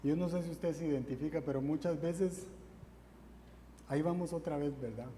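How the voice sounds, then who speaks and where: A man's voice: a little high, normal speed, warm tone. A man preaching a sermon, fervent and repetitive, driving his points home with refrains. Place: church hall. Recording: echoey hall, faint ambient noise.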